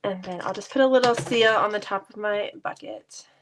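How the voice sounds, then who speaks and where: In her basement craft room, a woman with a mid-range voice and a stuffy, cold-affected sound demonstrates card making at a moderate pace. Her manner is casual and chatty, with frequent light laughter and self-deprecating remarks.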